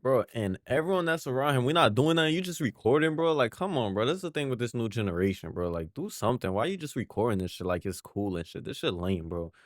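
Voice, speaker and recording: A man's voice: mid-range voice, big pitch swings, quick pace, few pauses. A man hosting a reaction video in casual slang, tossing in "bro" constantly and breaking into heated outbursts.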